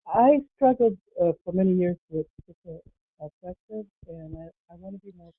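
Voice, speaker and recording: A woman's voice: fairly low pitch, lively intonation, normal speed, breathy edge, no echo. A woman on a phone in a video call, sounding muffled as if she were in a tunnel because the mic is too close to her mouth. She speaks hesitantly, with many fillers. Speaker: community meeting participant. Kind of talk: casual sharing on a video call. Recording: tinny phone line.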